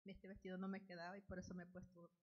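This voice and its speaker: A woman giving an earnest spoken testimony at the altar of a church, in unhurried, loosely strung phrases. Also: on the low side, little pitch movement, darkish tone, lo-fi sound. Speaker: church member giving testimony, Bible study leader.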